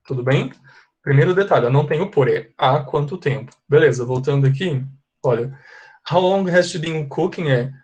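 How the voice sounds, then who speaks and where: A man's voice: fairly high pitch, darkish tone. A Brazilian man who teaches English, giving a live online class. He explains patiently, repeats his points and keeps checking that his students understand. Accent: Brazilian Portuguese.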